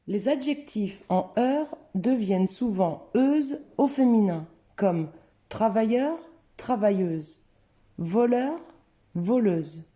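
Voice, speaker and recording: A woman narrating a scripted language lesson, reading word pairs slowly and carefully. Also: medium pitch, expressive, mellow. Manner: slow, careful, clearly spelled-out word examples. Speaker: French teacher.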